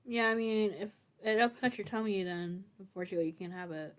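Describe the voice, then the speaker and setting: A woman's voice: medium pitch, fairly quick. A woman hosting a casual writing livestream, playfully teasing her co-host and laughing often. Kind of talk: casual chat.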